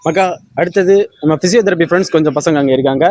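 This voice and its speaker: A man's voice: a little high, very fast, a little mellow, faint music behind. A man, a vlogger interviewing students and eagerly repeating his questions. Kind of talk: casual street interviews.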